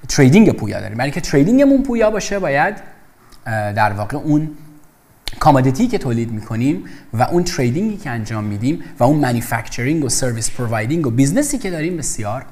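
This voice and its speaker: A man's voice: medium pitch, very animated, mellow. A man teaching English vocabulary in an explanatory lesson, emphatic and repeating words to drill pronunciation.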